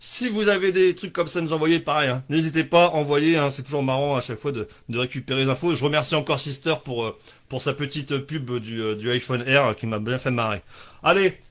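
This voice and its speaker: A man's voice: mid-range voice, a little fast, a bit bright. Joking, rambling live-stream host, a man. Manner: joking, rambling, casual swearing. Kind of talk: casual live-stream hosting.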